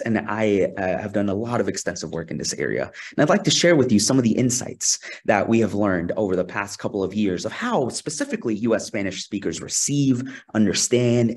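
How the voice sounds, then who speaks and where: A man's voice: fairly low pitch, slightly rough. A young man from Peru, a social scientist giving a webinar presentation over a video call, earnest and asking for the next slide now and then. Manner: earnest, asks for next slide, some restarts. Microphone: video call webcam.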